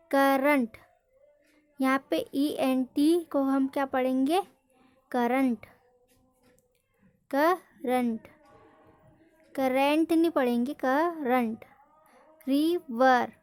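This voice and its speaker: A high-pitched woman teaches pronunciation at a deliberate, unhurried pace. She spells out each word, asks a question and answers it herself. Her voice is close and dry, with no room around it. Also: dry recording. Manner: slow, drilling, asks questions then answers them. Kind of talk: classroom-style lesson.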